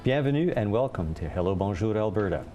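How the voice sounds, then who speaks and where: A man's voice: lowish voice, expressive, fast, over music. A man co-hosting a TV studio interview in a friendly manner, often repeating words as he hesitates. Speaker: co-host. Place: TV studio set. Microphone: lapel.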